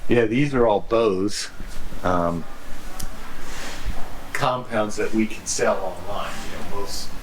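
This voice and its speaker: A man chatting casually as he guides a walking tour, explaining things in a halting, informal way. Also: lowish voice, low-quality recording. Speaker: company employee giving a warehouse tour. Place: large indoor warehouse, walking around. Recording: clear warehouse background noise.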